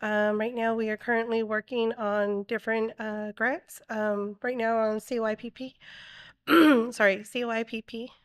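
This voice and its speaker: A woman from Arizona, a guest in an interview, speaking haltingly with many pauses and frequent throat clearing. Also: a little high, steady tone, no room sound, studio quality. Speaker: guest, project coordinator. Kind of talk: casual interview talk.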